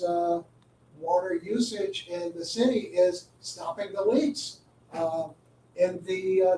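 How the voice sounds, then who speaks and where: A man giving an informal briefing at a county board meeting, halting with many fillers and wry asides. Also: high-pitched, warm tone, slight background noise. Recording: echoey room, distant mic.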